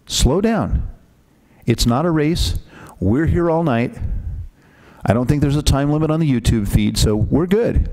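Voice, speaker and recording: A man's voice: on the high side, animated, normal speed, darkish tone. A man acting as pronouncer who patiently explains the rules to young spellers before a spelling bee, speaking into a microphone and often checking in with "okay?".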